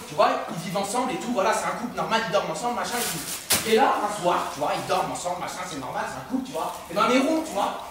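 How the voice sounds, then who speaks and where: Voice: medium pitch, fairly bright tone. A speaker retelling a classic tragedy as a rambling comic story in casual slang, full of filler tags. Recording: echoey room, far from mic, faint noise.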